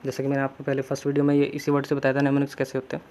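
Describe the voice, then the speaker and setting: A man's voice: mid-range voice, monotone, very fast, darkish tone. A young man teaching English vocabulary in casual Hindi mixed with English, chatty and telling little stories as memory tricks.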